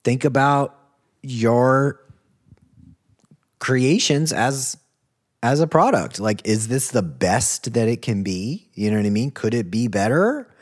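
A man in a casual podcast conversation about songwriting, rambling and relaxed with lots of fillers. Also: medium pitch, slow. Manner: relaxed, rambling, many fillers and "you know".

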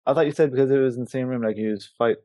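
Mellow-voiced man playing a tabletop game. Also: mid-range voice, no echo. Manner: casual, quick questions. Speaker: player. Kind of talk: casual tabletop game play.

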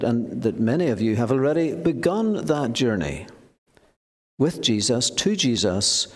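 A man preaching in an earnest, gently exhorting way, using rhetorical questions and repeated phrases as he addresses a church service. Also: medium pitch. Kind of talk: evening church sermon and closing prayer. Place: large reverberant church or hall. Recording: long hall reverb.

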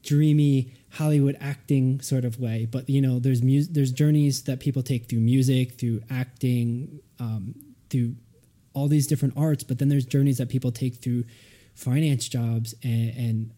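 A man's voice: mid-range voice, fairly even intonation, a little slow, dark tone. A man co-hosting a casual podcast chat, musing thoughtfully and rambling with many fillers. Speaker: podcast co-host.

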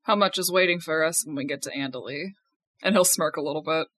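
A woman's voice: sits low, fast talker, fairly bright tone, dry recording, studio quality. A woman playing a tabletop game, casually asking questions in and out of character.

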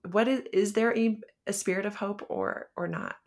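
A woman's voice: medium pitch, moderate pace. A woman hosting a podcast interview, asking thoughtful questions. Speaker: podcast host.

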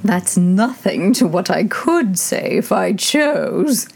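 A woman's voice: medium pitch, lively intonation, gravelly, darkish tone, breathy edge, full character voice. A woman voicing a fussy old duchess who drags out her words pompously, as if moralizing. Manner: slow, drawn-out and pompous.

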